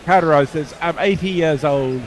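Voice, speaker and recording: A man's voice: fairly high pitch, moderate pace, a little hiss or hum. A man co-commentating on cricket, reading listener messages in a dry, wry way. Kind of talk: casual commentary chat.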